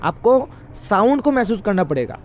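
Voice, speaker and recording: A man's voice: high-pitched, big pitch swings, normal speed, slight background noise. A man teaching English grammar in a classroom style, explaining and quizzing the listener with repeated questions.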